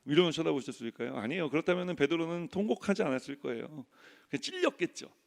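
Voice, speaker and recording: A man's voice: fairly high pitch, very animated, fast, vocal fry. Man preaching with long hall reverb. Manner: swings from loud emphatic preaching to soft, hushed tones; acts out quoted voices in dialogue. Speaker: pastor. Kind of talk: sermon. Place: church sanctuary.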